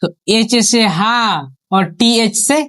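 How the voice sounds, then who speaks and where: A woman teacher runs an online spelling lesson at an extremely slow pace, her voice a bit bright. She asks questions and answers them herself, draws out every syllable, and lets her pitch drop as each word is completed.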